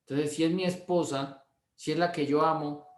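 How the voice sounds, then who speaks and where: A male pastor teaching through a homely anecdote. His voice sits slightly high and he slips into the people he quotes, often repeating himself. The room adds a noticeable echo. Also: steady tone, normal speed. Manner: anecdotal, acts out dialogue, repeats words. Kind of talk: storytelling teaching class. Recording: roomy echo.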